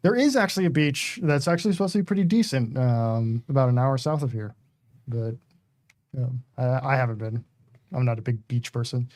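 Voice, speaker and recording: A man co-hosting a game livestream, talking casually in halting bursts with many pauses and restarts. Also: mid-range voice, a little mellow, no echo. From United States. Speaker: stream co-host. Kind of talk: casual chat while gaming.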